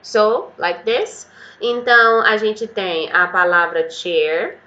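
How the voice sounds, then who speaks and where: Bright-voiced Brazilian teacher woman. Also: mid-range voice, lo-fi sound. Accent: Brazilian Portuguese. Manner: lively, explains slowly and repeats words. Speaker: English teacher. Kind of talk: casual online English lesson.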